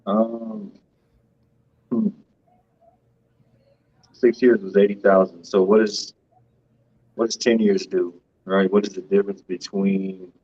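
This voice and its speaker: On a dull, lo-fi recording, a man with a deep, husky, warm voice gives laid-back financial commentary as a finance show co-host. He makes his points with emphasis and tends to wrap them up with "right?".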